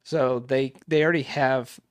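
A man's voice: medium pitch, fairly even intonation, normal speed, clean tone, no room sound, studio quality. A man co-hosting a casual podcast, talking in a rambling way with many fillers and restarts. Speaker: podcast co-host. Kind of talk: casual chat.

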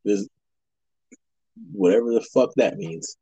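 A man's voice: fairly low pitch, slow pace, mellow, slightly rough, dry recording, muffled recording. A man co-hosting a podcast, trading jokey, profane banter and laughing. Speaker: podcast co-host. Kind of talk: casual chat.

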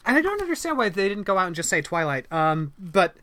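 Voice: medium pitch, sing-song, a little fast, a bit bright. A co-host of a casual book discussion podcast who talks loosely and bluntly, with casual swearing and frequent fillers. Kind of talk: casual chat.

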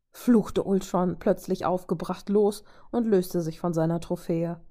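A woman reading a fan-fiction story aloud in German with a steady storytelling delivery. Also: fairly low pitch. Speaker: reader.

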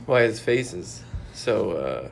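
A man's voice: on the low side, very animated, takes it slowly, creaky, slight background noise. A man co-hosting a podcast, riffing on absurd jokes in casual banter. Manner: joking, riffing on absurd scenarios. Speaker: podcast co-host.

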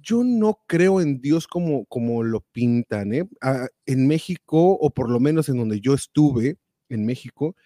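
A man hosting a live talk show, reading out viewer comments with animated, exclamatory reactions. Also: mid-range voice, unhurried, no room sound, clean studio sound. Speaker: show host.

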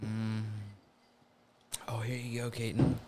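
A man's voice: medium pitch, completely flat delivery, takes it slowly, gravelly, heavy background noise. A man hosting a casual podcast, teasing and swearing freely, his mouth burning from hot sauce. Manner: profane, teasing. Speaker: podcast host. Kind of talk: casual chat with drinking game.

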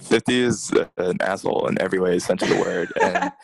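Low gravelly New man. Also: a little fast, poor audio. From Queens, New York. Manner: laid-back, self-deprecating, lots of fillers. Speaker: guest, music blogger. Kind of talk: casual interview chat.

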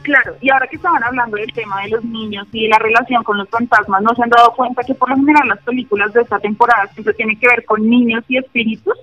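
A woman with a Soacha accent and a fairly deep voice, chatting as a podcast co-host. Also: fairly even intonation, quick pace, hardly any pauses, no echo, dull audio, faint music behind. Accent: Soacha, Colombia. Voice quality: deeper voice than the other women. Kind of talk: casual chat.

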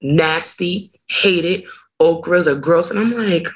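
A woman's voice: fairly low pitch, slow pace, slightly rough, low-quality recording. A young woman co-hosting a podcast, chatting casually and telling stories with strong opinions. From Barbados heritage, raised in America. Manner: animated, opinionated storytelling. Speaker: podcast co-host. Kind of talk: casual chat.

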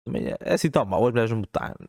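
A man's voice: fairly low pitch, animated, very fast, darkish tone, breathy edge, no echo, studio quality. A man with a European Portuguese accent chatting casually and informally, giving his opinions in slangy language. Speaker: podcast host. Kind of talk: casual chat.

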